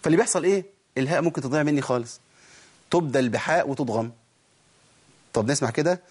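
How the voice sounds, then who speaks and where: A man with an Egyptian accent teaches recitation in a lesson, his voice sitting a little above the usual male pitch. He quizzes his listeners with rhetorical questions. He stretches out example words slowly to show each sound. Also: darkish tone, breathy edge. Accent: Egyptian Arabic.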